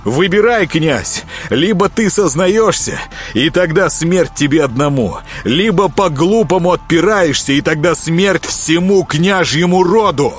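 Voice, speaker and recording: A man voicing a vengeful male ghoul who shouts threats in a wild, snarling manner. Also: mid-range voice, big pitch swings, normal speed, faint music behind, lightly acted. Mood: furious threatening.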